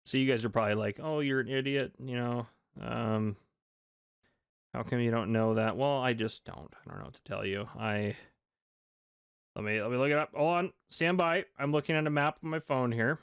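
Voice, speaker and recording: A young man giving casual, chatty commentary while he plays a driving game, thinking out loud and poking fun at himself. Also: medium pitch, brisk, gravelly, smooth, dry recording. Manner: chatty, self-deprecating, thinks aloud. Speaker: gaming channel host.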